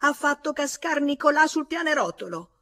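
A woman reading an audiobook aloud, voicing a furious working-class neighbor woman who shouts in a shrill, exasperated way, with an Italian accent. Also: animated, normal speed, exaggerated voice.

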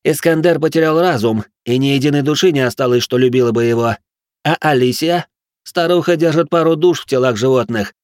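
A man narrating an audiobook with a dramatic, expressive reading. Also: mid-range voice, brisk, dry recording, studio quality. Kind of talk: scripted narration.

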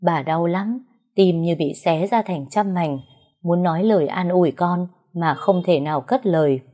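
A woman narrates a family drama in scripted storytelling. Her voice sits low and sounds mellow, and she reads softly and without hurry. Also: moderate pace.

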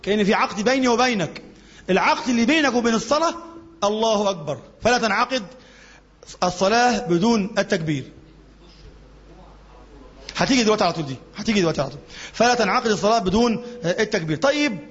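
Egyptian sheikh, high and quick, conversational teaching tone, muffled recording with lingering hall echo. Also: male voice, animated. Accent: Egyptian Arabic. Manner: colloquial, asks the class questions and answers them, demonstrates chanting. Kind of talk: classroom religious lesson. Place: mosque classroom. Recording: dull lo-fi recording with long reverb.

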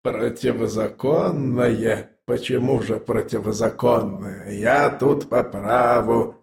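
A man voicing an old undead corpse who drawls in a hoarse, choking wheeze. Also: mid-range voice, reverberant. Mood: indignant. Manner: drawn-out, choking speech. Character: wheezing undead male corpse, old, pompous then folksy. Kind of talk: audiobook character voice.

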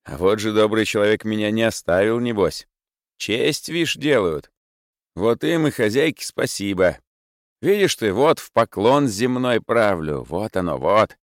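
A man's voice: lowish voice, lively intonation, a little slow, no echo, studio quality, voice pushed up. A man voicing a fawning, pleading drunken clerk in a storybook reading, with fervent, wheedling speech. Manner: fervent, wheedling, bowing and scraping.

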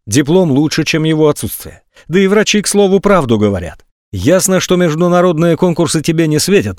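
A man's voice: on the high side, a little mellow, dry recording, clean studio sound, pitched above the performer's own voice. A man reading an audiobook, voicing a cold, blunt young woman who scolds her friend.

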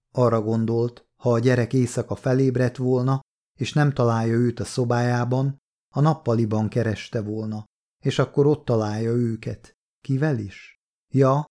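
A man narrating a novel as an audiobook, reading in a calm, measured way. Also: medium pitch, vocal fry. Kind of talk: scripted narration.

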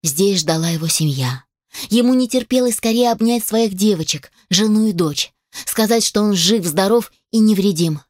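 Woman narrator, scripted audiobook reading, measured storytelling, middle pitch, dry close mic. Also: darkish tone, dry recording.

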